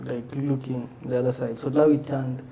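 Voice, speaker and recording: A man with a Kenyan accent, a guest on a casual podcast, telling stories in a relaxed manner. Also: medium pitch, moderate pace, vocal fry, a little hiss or hum, rough recording. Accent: Kenyan English. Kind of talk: casual round-table chat.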